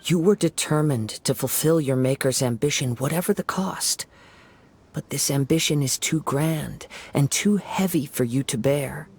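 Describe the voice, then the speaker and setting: A male actor voices a calm, perceptive young wandering samurai in a video game, delivering his lines in a measured, soothing way. His voice is a little high and husky.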